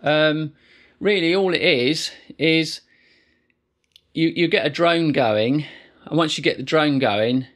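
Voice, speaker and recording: A man's voice: fairly high pitch, takes it slowly, long pauses. Man casually explaining a didgeridoo technique. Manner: relaxed, rambling, with many fillers and restarts. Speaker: didgeridoo teacher.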